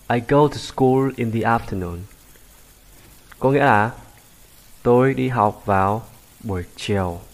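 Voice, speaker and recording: A man teaching beginners an English grammar lesson, patiently repeating each English phrase slowly for learners, a native Vietnamese speaker. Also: fairly low pitch, slight background noise.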